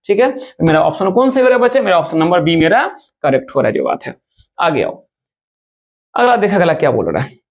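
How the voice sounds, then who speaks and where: A male physics teacher, talking fast and chatty as he works through exam questions and speaks to his students informally. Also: a little high, very animated. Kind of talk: objective-question exam lesson. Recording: dull lo-fi sound.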